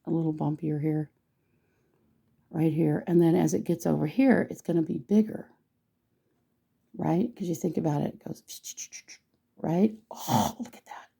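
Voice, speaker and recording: A hoarse woman with a gravelly voice, chatting casually and teasing herself while she teaches a painting tutorial. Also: on the low side, mellow. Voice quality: gravelly, husky voice. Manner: chatty, self-deprecating, thinks aloud while painting.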